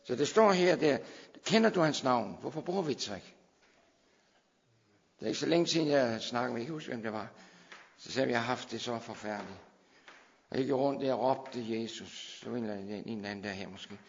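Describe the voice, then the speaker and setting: A man preaching a sermon, moving between quiet explanation and loud, shouted proclamation. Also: mid-range voice, lively intonation, slightly rough, in a large hall, highs cut off.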